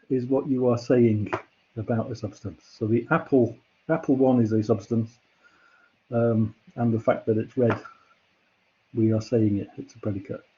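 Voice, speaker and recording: A man's voice: medium pitch, dark tone, highs cut off, slight background noise. A man giving a university lecture, explaining ideas patiently and step by step with examples. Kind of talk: classroom lecture.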